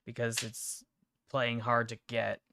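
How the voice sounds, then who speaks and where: A woman's voice: a bass voice, completely flat delivery, slow, vocal fry, fairly bright tone, slight background noise. A woman casually chatting while she streams a video game, playful and a bit silly. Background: faint background game music.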